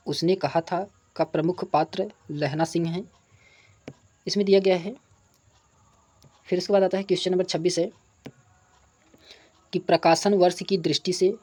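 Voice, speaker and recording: A man teaching an exam prep lesson. He reads each past question, then states and repeats the answer and explains it, spelling out sounds and examples slowly. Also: a little high, a little mellow.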